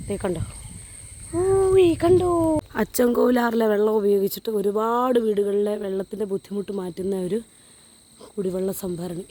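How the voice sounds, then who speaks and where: A woman's voice: mid-range voice, dark tone, slight background noise. A woman from Kerala, talking casually to a handheld phone camera outdoors on a hill while she walks uphill. Her talk is chatty and meandering, full of fillers. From Kerala, India. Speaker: vlogger. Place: outdoors on a hill beside a water tank.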